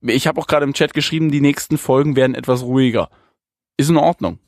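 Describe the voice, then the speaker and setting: A man's voice: medium pitch, fast talker, no echo, studio quality. A man co-hosting a casual anime discussion on a live stream, speculating at length in a rambling way.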